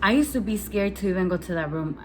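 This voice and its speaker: A woman's voice: medium pitch, quick pace, poor audio. A young woman telling a story to her camera, rambling and spooked, with "like" in almost every sentence. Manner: rambling, nervous, heavy use of "like" as filler. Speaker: vlogger. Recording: home video with steady outside noise. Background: building-washing noise outside.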